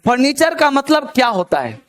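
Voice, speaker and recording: A man's voice: extremely high pitch, huge pitch swings, normal speed, fairly bright tone. A male English grammar teacher giving a live classroom lecture, constantly firing rhetorical questions at his students.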